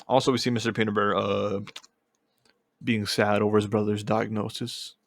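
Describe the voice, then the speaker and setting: Laid-back low-voiced man podcasting. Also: flat delivery, moderate pace, creaky, no echo. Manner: laid-back, laughs often, rambling asides. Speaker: podcast co-host. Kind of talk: casual chat.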